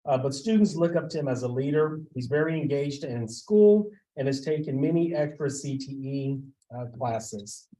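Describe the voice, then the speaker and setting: Halting man giving a board report. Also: medium pitch, expressive, warm tone, rough recording. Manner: halting, with frequent filler sounds. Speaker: school administrator giving a report. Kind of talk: formal board meeting report.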